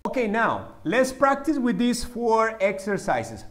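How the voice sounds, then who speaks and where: A man teaching English grammar at a whiteboard, asking his students questions and answering them himself, slowing down for the English examples. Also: sits high, big pitch swings, fairly bright tone. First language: Spanish. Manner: slows down to spell out English examples.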